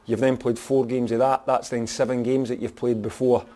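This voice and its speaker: In a post-match interview, a football manager with a Scottish accent speaks frankly and plainly, frequently dropping in "you know." His dark, medium-pitched voice stays level, and he keeps a moderate pace.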